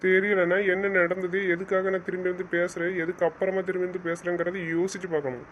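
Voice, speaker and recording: Stern, fast-talking high-voiced man. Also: little pitch movement, fairly bright tone, muffled recording, a little hiss or hum. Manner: stern, scolding, commanding. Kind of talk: casual audio drama acting.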